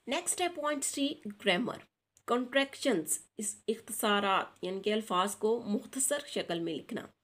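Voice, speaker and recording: A woman with a Pakistani accent tutors children online through a textbook lesson, reading each English line slowly and then explaining it in Urdu. Her voice is medium in pitch, animated, and fairly bright.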